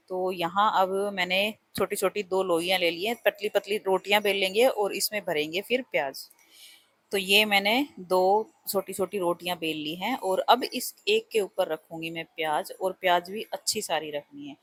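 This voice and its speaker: A woman's voice: mid-range voice, fairly bright tone. Chatty woman narrating her cooking. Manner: chatty, self-mocking, talks directly to viewers. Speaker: vlogger, parlour owner and mother. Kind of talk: casual cooking vlog voice-over.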